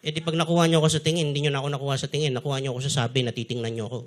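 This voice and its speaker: Racing along in a mid-range voice, a Filipino-accented pastor delivers a sermon full of animated storytelling. He moves back and forth between Tagalog and English, dramatizing each quote he tells.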